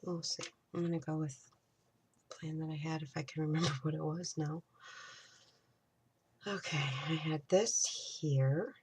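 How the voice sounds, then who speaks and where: A woman's voice: low-pitched, steady tone, unhurried, pauses often, darkish tone, a little hiss or hum. A woman hosting a casual crafting tutorial, chatting and thinking aloud as she works, sometimes dropping to a whisper.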